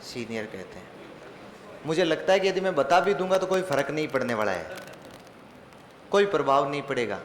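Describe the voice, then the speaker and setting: A man's voice: a little high, very animated, normal speed, long pauses. A male teacher, giving an online exam-prep class. He asks his own questions and answers them, with joking, mock-dramatic asides. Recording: echoey room with faint ambient noise.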